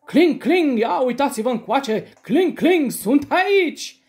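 A woman voicing a boastful little boy bear cub who brags and booms in a put-on deep voice, in a storybook reading. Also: lively intonation, darkish tone, soft background music. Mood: boastful shouting. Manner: bragging, booming in a put-on deep voice.

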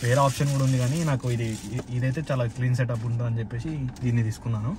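A man's voice: medium pitch, steady tone, rapid-fire, background noise. A man hosting a casual unboxing vlog. He chats easily and slips English words into his talk. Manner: chatty, mixing in English words. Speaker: vlog host.

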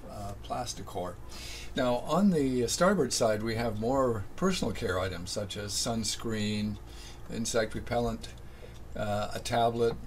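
An older man giving a casual narrated tour of his small sailboat cabin, unhurried and halting, full of fillers. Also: lowish voice, a little hiss or hum. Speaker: boat owner giving a tour. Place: small sailboat cabin, then home office.

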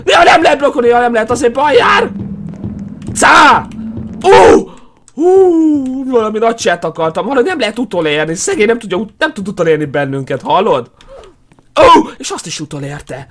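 A young man doing excitable let's play commentary as a gaming YouTuber, yelping, shrieking and laughing often. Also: very high voice.

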